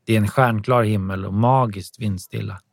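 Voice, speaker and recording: A man narrating an audiobook in a calm, even storytelling manner. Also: on the low side, vocal fry, dry recording, studio quality.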